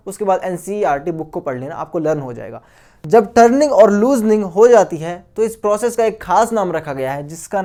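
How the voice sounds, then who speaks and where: A man's voice: sits high, darkish tone. A male science teacher giving a video lecture to school students. He mixes English technical terms into his sentences, repeats key words, calls the students guys, and asks questions that he answers himself.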